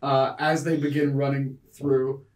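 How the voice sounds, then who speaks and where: A man narrating a tabletop game as game master, in a measured, descriptive storytelling manner. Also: mid-range voice, flat delivery, darkish tone, far from the mic. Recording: roomy, mic set back.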